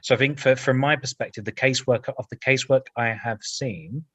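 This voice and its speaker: A man speaks as a councillor in a committee meeting, his delivery full of restarts and repeated words. The sound is dry and close, with no room echo. His pitch sits in a middling range. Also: fairly even intonation, fairly quick, a bit bright, husky. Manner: hesitant, repeats words, jokes lightly.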